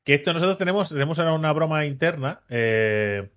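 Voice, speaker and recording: A man co-hosting a podcast, chatting casually and telling stories with lively swings into loud mimicked shouts. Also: a little high, quick pace. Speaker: podcast co-host. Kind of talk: casual chat.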